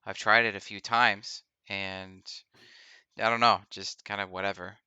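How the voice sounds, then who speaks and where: A man's voice: fairly low pitch, little pitch movement, measured pace, sharp tone, clear, resonant tone, no echo, highs cut off. A man chatting casually as a player in a tabletop game, unsure and full of fillers.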